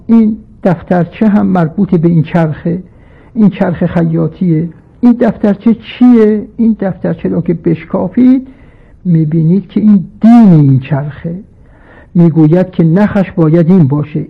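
A man's voice: high-pitched, creaky. A man preaching a sermon in a formal, learned manner, quoting scripture in Arabic and reciting verse. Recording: tinny phone-like radio broadcast.

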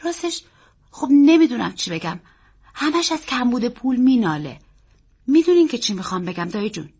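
A woman's voice: a little high, breathy edge, voice pushed up, full character voice. A woman voicing an earnest, secretive young boy who talks in an urgent, pleading way. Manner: urgent, pleading, quick and excited.

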